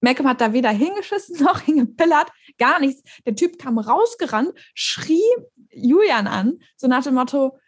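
A woman chatting casually, telling an animated story with frequent laughter. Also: sits high, moderate pace. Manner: animated storytelling, laughs often, mimics others. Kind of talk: casual chat.

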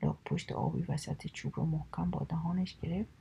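A woman narrating children's stories in a soft, partly whispered reading voice. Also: low-pitched, sing-song, creaky, a little hiss or hum, low-quality recording. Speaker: storyteller.

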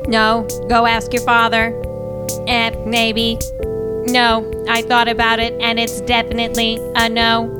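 A woman voicing a talking gadget with flat, canned replies. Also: on the high side, a little slow, over loud music, natural voice. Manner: monotone, canned.

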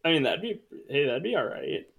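A man's voice: a little high, big pitch swings, a little fast, creaky, a loud crowd. A young man co-hosting a casual podcast chat, joking and swearing with frequent laughs. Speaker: podcast co-host.

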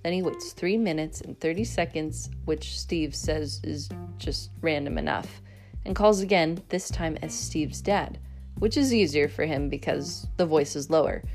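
Low-voiced woman reading a kids' audiobook. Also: a little slow, creaky, darkish tone, soft background music. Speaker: audiobook narrator. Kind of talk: first-person audiobook narration.

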